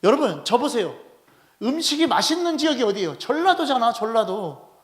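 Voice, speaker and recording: Brief: male head pastor with a high voice, preaching a lively Sunday sermon into a pulpit mic and pressing the congregation with questions. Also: brisk. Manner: animated, constantly addressing the congregation with rhetorical questions. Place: church sanctuary.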